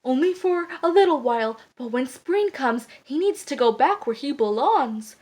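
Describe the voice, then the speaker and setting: A woman's voice: high-pitched, lively intonation, moderate pace, darkish tone, husky. A woman voicing a firm, matter-of-fact father in a storybook reading, recorded on a phone.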